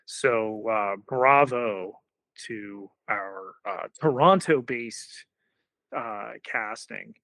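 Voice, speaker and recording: A man co-hosting a podcast, talking in a halting way with many pauses and fillers. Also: on the low side, a bit bright, no echo. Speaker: podcast co-host. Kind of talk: casual podcast discussion.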